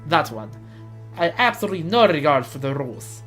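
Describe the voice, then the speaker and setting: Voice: mid-range voice, big pitch swings, brisk, a bit bright, faint music behind. Gamer putting on a Russian-accented, R-rolling weary camp diarist. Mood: weary grumbling. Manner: rolled R's. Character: weary, grumbling military camp diarist reading aloud. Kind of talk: theatrical diary read-aloud.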